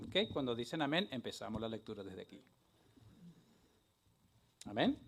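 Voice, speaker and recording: A man's voice: mid-range voice, big pitch swings, moderate pace, slightly rough. A male preacher greeting his congregation affectionately and leading them into the Bible reading. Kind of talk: sermon. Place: church sanctuary.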